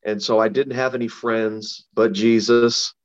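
A man's voice: on the low side, little pitch movement, a little slow. A middle-aged man, a pastor, speaking over a phone line as an interview guest, earnest and conversational with frequent restarts. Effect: heard over a phone line. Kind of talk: interview guest sharing a personal testimony. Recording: dull phone-line audio.

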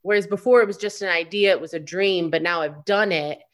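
Loud and outspoken, this woman in her thirties runs a wedding business and appears as an interview guest in a relaxed podcast chat. She talks briskly in a lowish voice, acting out quotes as she tells her stories.

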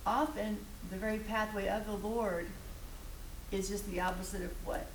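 A woman's voice: medium pitch, fairly even intonation, normal speed. Woman in an echoey room, reflecting on scripture. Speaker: Bible study participant. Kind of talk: reflective spoken commentary on scripture. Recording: roomy echo with background noise.

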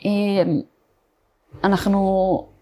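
Young woman giving halting testimony. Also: mid-range voice, level tone, dark tone. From Israel. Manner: halting, with many fillers and restarts. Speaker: guest, border police fighter. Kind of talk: personal testimony in an interview.

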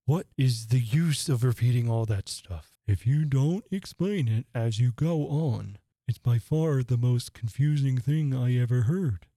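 A reader voicing a sorrowful old mock turtle in a storybook reading, speaking and singing in a slow, mournful, drawn-out way. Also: medium pitch, warm tone, no room sound. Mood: gloomy.

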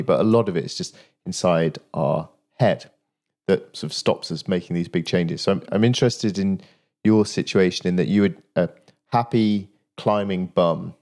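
A man interviewing a guest, asking thoughtful, measured questions. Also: low voice, a little mellow. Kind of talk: reflective conversational interview.

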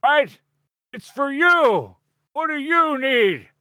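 A man playing a jolly veteran wrestler who shouts a slow, drawn-out promo to the crowd in a tabletop game. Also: very high voice, animated, no echo, clean studio sound, pitched above the performer's own voice, heavily acted. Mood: rousing.

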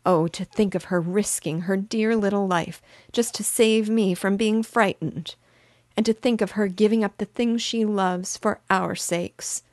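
A woman's voice: mid-range voice, steady tone, measured pace, a little mellow, no room sound, pitched above the performer's own voice, lightly acted. A weeping, remorseful young mother, as a woman reader puts her on, her voice rising and swelling through the tears. It is recorded close and dry. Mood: tearful. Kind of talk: audiobook character voice.

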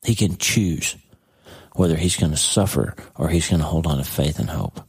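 A man's voice: rumbling low, normal speed, darkish tone, husky. A middle-aged man hosting a personal faith podcast, talking earnestly and confidingly to his listener. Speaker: podcast host.

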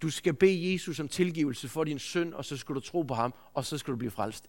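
A man's voice: on the high side, darkish tone, voice pushed down. A man voicing a resolute, devout old woman who speaks in a firm, matter-of-fact way. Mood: gentle.

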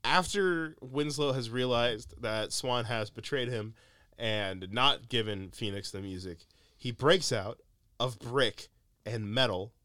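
A man's voice: mid-range voice, slow pace, pushed and bright, dry recording, clean studio sound. A man co-hosting a podcast, rambling casually about a film with lots of fillers and laughs. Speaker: podcast co-host. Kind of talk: casual movie chat.

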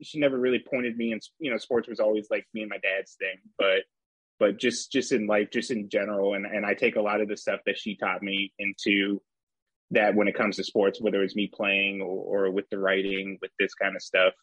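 A man co-hosting a casual sports podcast, speaking haltingly with many restarts and laughing easily. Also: on the low side, level tone, fairly bright tone, slightly rough, no room sound, low-quality recording. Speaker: podcast co-host, sports writer.

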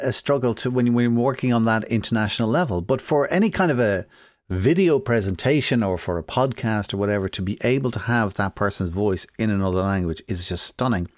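A man's voice: fairly low pitch, a little fast, no room sound, studio quality. A man co-hosting a podcast, chatting casually and asking questions. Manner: conversational, lists examples, asks questions. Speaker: podcast co-host. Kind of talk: casual chat.

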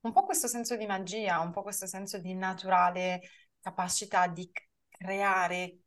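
A woman's voice: medium pitch, steady tone, normal speed. A woman hosting a podcast, responding to her guest in an encouraging, conversational way. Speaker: podcast host.

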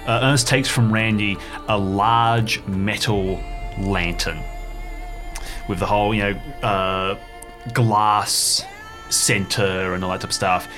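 A man's voice: on the low side, steady tone, slow pace, music in the background. A man playing a tabletop game, casually improvising narration of what happens.

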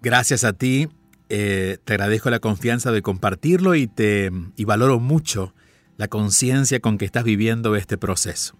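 A man hosting an advice call-in radio show, speaking in a calm, reflective and measured way. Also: on the low side, no room sound, soft background music. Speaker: radio host and life counselor.

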